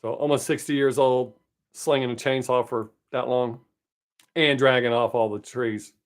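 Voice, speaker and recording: A man in his late fifties, with a mid-range, steady voice at normal speed, hosts a casual livestream. He chats upbeat with live viewers and answers them by name.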